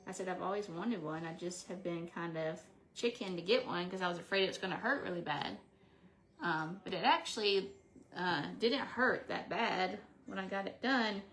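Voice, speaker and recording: This crafting vlogger, a woman in her forties, has a lowish, somewhat bright voice and a moderate pace. Painting a craft on camera, she rambles casually and talks to herself throughout.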